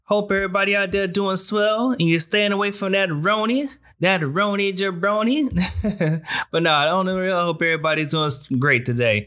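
A man's voice: high-pitched, a bit bright. A man hosting an online show, giving casual, slangy advice straight to his viewers. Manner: informal slangy talk, often addressing listener with "you know".

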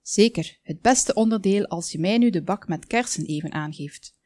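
A woman's voice: mid-range voice, moderate pace, darkish tone, no room sound, studio quality, natural voice. A woman voicing a stout, proud male baker in a storybook. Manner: proud, boastful.

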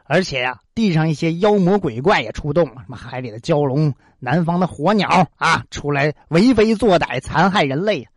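A lively storyteller reads a folk tale with frequent asides and exclamations. The pitch rises and falls widely, giving it a playful energy. The sound is dry and close with no room echo. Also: moderate pace, hardly any pauses. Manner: animated, chatty asides and exclamations. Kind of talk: children's folk tale narration.

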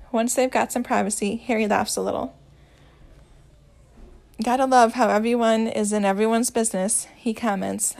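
A woman reading a romance story aloud, with a gentle, even storytelling manner and small voice changes for the dialogue. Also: fairly high pitch, vocal fry. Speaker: audiobook narrator.

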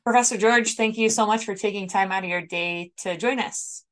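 A woman's voice: medium pitch, moderate pace, music in the background. A woman hosting an interview podcast in an informal, chatty and polite way.

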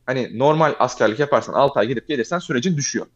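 A young man telling a long personal story in casual chat, fast and animated, often calling the listener "abi". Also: mid-range voice, lo-fi sound.

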